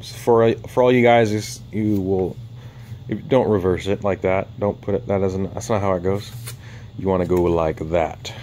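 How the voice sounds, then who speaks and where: A man's voice: mid-range voice, darkish tone, a little hiss or hum. A man walking through a model airplane kit in a casual, rambling way with lots of ums, talking while he handles the parts. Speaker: RC hobbyist showing a flying wing kit. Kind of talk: casual hands-on walkaround.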